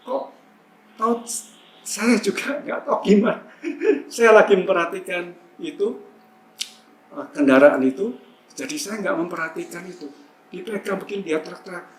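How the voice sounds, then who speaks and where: Man, slightly high voice, chatty and rambling testimony, echoey church hall with faint hum. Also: expressive, moderate pace, long pauses. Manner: chatty, rambling, with many fillers. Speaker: church member giving a testimony. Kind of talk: casual testimony storytelling.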